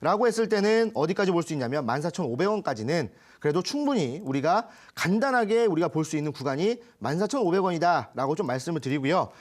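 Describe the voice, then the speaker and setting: A man's voice: a little high, big pitch swings, fast talker, few pauses. A man from Chungcheong, Korea, giving stock advice on a TV show, chatty, with homely analogies and frequent self-corrections. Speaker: stock market expert. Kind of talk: stock consultation on TV.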